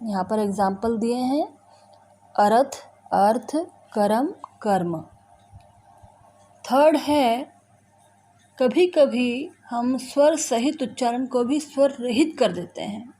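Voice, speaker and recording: A woman teacher with an Indian accent giving a recorded grammar lesson, deliberately repeating each example word. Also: fairly high pitch, mellow. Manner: slow, deliberate, repeats example words one by one. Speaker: school teacher.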